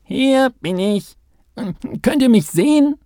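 A man voicing an eager, impatient young male mole in a children's story, in a raised, excited voice. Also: unhurried, creaky, no echo, studio quality, heavily acted. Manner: excited, pushy, high.

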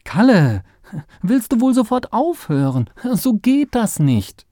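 A man voicing a careful, bossy woman archaeologist in a children's story, in a high, emphatic voice. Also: sing-song, a little slow, warm tone, no room sound, clean studio sound. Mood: scolding.

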